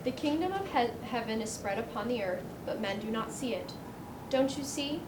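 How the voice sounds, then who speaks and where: A woman playing a gentle, patient male guardian angel in an amateur stage play, coaxing and a little flustered. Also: fairly high pitch, lively intonation, moderate pace, far from the mic, close to an everyday voice. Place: theatre stage. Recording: echoey stage heard from afar, noisy.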